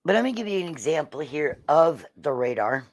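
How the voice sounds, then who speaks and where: A slightly hoarse host casually explaining weather radar on a livestream, halting with frequent ums and throat clearing. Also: medium pitch, very animated.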